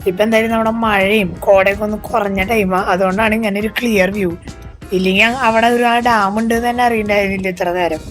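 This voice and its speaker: A woman talks over clearly audible music in a casual travel-vlog style. Her pitch sits in the middle for a woman. She speaks colloquially, drops English words into her sentences and breaks into exclamations. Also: fairly even intonation, fast talker. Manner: mixes English words into Malayalam. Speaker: travel vlogger. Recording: loud background music.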